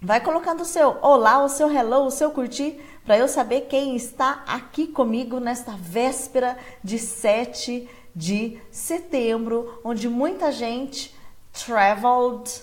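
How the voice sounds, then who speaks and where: A woman from Brazil teaching a live online English pronunciation lesson, animated and constantly checking in with her viewers, slowing down to say English words carefully. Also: on the high side.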